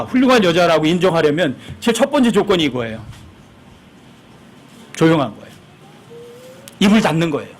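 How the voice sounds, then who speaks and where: Male pastor, high and husky, lively sermon delivery that acts out quoted voices. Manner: acts out quoted voices, emphatic and conversational with the congregation.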